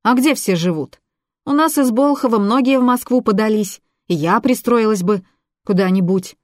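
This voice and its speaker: A woman reading aloud, voicing a stubborn, defensive runaway teenage girl who argues in loud, indignant bursts. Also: on the high side, moderate pace, dry recording, studio quality, pitched above the performer's own voice, natural voice. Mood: eager.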